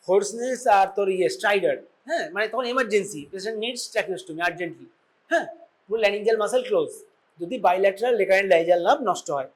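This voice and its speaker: A man with a Bengali accent teaches a classroom of medical students in a relaxed, conversational way. He keeps asking questions and checks in with a quick "okay?" as he goes, mixing English terms into his talk. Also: high voice. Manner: informal, quizzing students, frequent "okay?" check-ins. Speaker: surgery lecturer.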